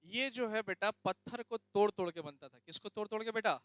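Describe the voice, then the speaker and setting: High-voiced male teacher quizzing his class. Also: fairly quick, fairly bright tone, clean tone, dry recording. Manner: questions students, addresses them as beta; conversational, checks understanding often. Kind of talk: classroom lecture.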